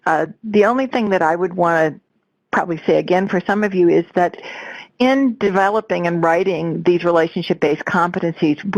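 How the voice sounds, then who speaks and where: A woman co-presenting on a webinar, measured and listing points one by one. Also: lowish voice, no room sound, muffled recording. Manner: measured, repeats phrases as she lists. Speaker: project leader and co-presenter. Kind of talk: explaining on a webinar.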